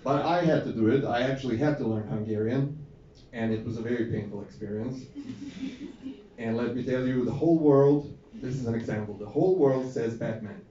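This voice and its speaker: A man in his thirties from Serbia with a Serbian accent, doing a dry, deadpan stand-up comedy set on a small club stage. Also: medium pitch, fairly quick, slight background noise. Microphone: handheld mic, filmed from the audience. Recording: echoey, muffled club audio from far off. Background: audience laughter.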